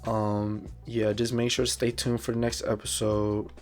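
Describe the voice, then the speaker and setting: A man's voice: lowish voice, little pitch movement, moderate pace, faint music behind. A man in his twenties hosting a solo podcast, talking bluntly in slangy, profane, repetitive casual speech. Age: 20s. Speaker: podcast host.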